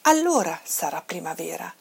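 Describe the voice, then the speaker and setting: A woman's voice: lowish voice, very animated, moderate pace, gravelly, slightly rough, voice pushed down, exaggerated voice. Woman doing a sleepy mother bear. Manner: drowsy, grumbling.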